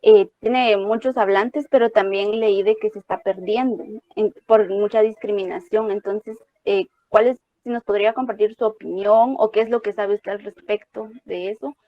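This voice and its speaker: A woman's voice: medium pitch, fairly even intonation, moderate pace, hardly any pauses, no room sound. A woman, a student asking an interview question while thinking aloud. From Guatemala. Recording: dull, dry lo-fi audio.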